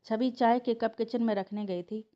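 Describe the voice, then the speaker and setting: A woman narrates a family story in a steady, emotive voice. Her tone is warm and mellow. The recording sounds dull and lo-fi. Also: fairly high pitch, normal speed.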